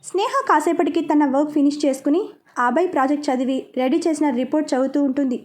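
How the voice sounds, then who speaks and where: A woman tells a serialized love story in a steady, expressive voice. Her voice sits high, and the narration sounds scripted. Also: fast talker.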